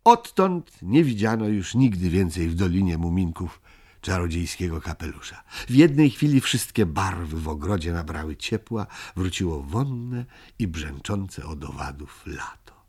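A man with a low, husky voice narrates a children's story. He reads unhurriedly, with lots of rise and fall in his delivery. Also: sing-song, moderate pace, a little mellow. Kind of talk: audiobook reading of a children's story.

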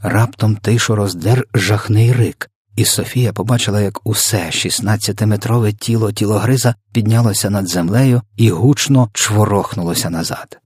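Guy narrating a kids storybook, low husky voice, dry close sound. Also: moderate pace, no echo. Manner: expressive, dramatic reading. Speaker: audiobook reader.

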